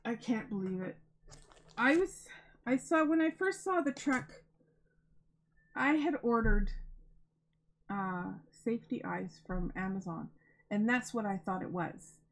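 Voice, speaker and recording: Crafting vlog lady, kinda high voice, talks slow, all gushy and teary over yarn. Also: expressive, poor audio. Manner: gushing, emotional, slow and chatty. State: near tears. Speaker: crafting channel host. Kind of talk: casual yarn unboxing vlog.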